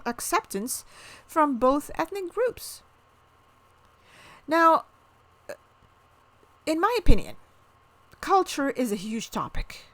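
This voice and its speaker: A woman's voice: high-pitched, a bit bright, dry recording. A middle-aged woman from Morocco, explaining culture and ethnicity in an educational talk, asking the viewer questions and giving examples.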